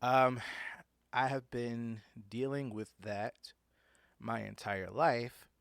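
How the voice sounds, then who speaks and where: A man hosts an informal solo podcast in a mid-pitched voice with very little room sound. His underbite makes his speech slightly slurred, with soft-edged T's and pronounced S's. He explains himself hesitantly, often rephrasing as he goes. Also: steady tone, takes it slowly, creaky, clean tone, no echo, clean studio sound. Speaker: podcast host and writer.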